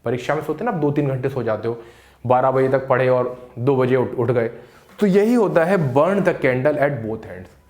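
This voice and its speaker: A man teaching idioms in a casual lesson, explaining in Hindi and reading examples slowly. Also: mid-range voice, a little mellow. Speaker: English teacher. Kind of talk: casual spoken English lesson. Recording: echoey room.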